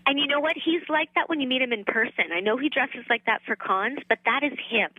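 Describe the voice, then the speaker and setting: A woman voice actress in her thirties, chatting easily as an interview guest, with relaxed fillers and a light, laughing manner. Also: sits high, quick pace, no echo, narrow, tinny audio. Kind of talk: casual interview chat.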